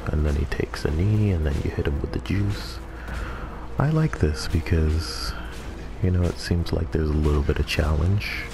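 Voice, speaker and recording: Guy doing hushed golf commentator bit over a game, super low and gravelly, dry jokes and swearing. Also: moderate pace. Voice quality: very deep, gravelly. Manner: deadpan, joking, profane. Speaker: gamer commentating over play. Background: game music.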